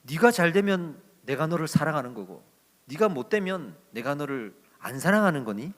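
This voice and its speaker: A male pastor speaking as a patient, fatherly Jesus who reasons gently with a lively, rising and falling voice. The voice carries a long reverb from a large church hall. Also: on the high side, normal speed. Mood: gentle.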